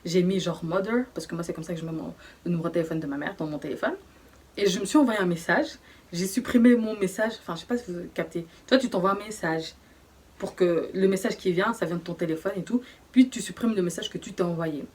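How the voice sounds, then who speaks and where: A young woman telling a personal story in a casual, slangy way, often hushed, with many fillers. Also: lowish voice, fast, slightly rough. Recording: voice distant from the mic.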